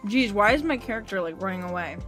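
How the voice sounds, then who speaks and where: Woman game streamer, casual rambling chat, slightly cracking voice, mid pitch, faint music behind. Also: expressive, quick pace, a bit bright. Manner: rambling, chatty, eating while talking. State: groggy from oversleeping. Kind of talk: casual let's play commentary, reading game text aloud.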